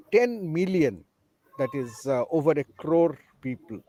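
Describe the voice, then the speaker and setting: Indian guy on a choppy conference call, audio cutting out, kinda high voice, stop-start formal intro. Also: darkish tone, no room sound, rough recording. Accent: Indian English. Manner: halting, stop-start delivery with frequent pauses. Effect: online conference call audio that keeps breaking up. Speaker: professor introducing a speaker at an online event. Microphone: video call.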